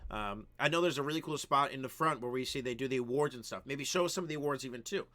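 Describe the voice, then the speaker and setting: A man's voice: mid-range voice, quick pace, bright, forceful tone. A man hosting a live stream, giving casual feedback on viewers' videos and coaching them with lots of "um" and "right?". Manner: chatty, frequent "um" and "right?", coaching tone.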